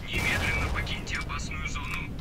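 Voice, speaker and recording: A stern automated warning announcer from a video game, acted by a man. The male voice is somewhat high, clipped and impersonal, repeating urgent alerts beneath loud game music. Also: little pitch movement, brisk, natural voice.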